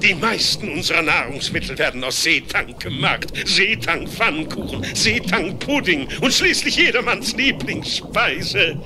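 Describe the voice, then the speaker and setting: High-pitched, pompous cartoon sea captain. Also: male voice, expressive, unhurried, few pauses, noisy background. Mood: jovial, joking. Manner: pompous, jokey, laughing at own jokes. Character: boastful joking bossy ship captain of castaways. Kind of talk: German cartoon audio play acting. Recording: music behind the voice.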